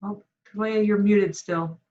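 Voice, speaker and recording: A woman's voice: medium pitch, fairly even intonation, unhurried, dull audio. A woman instructor calling on students one by one during an online class. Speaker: course instructor. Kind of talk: online class roll call. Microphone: video call.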